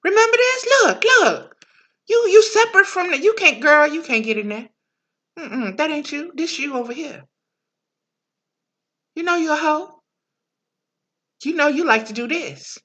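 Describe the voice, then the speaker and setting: A woman's voice: sits high, animated, unhurried, pauses often, pushed and bright, pitched above the performer's own voice, exaggerated voice. A woman voicing the mind as a slangy, mocking woman who coaxes and taunts the listener. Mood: coaxing. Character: the mind personified, sassy coaxing woman, mocking.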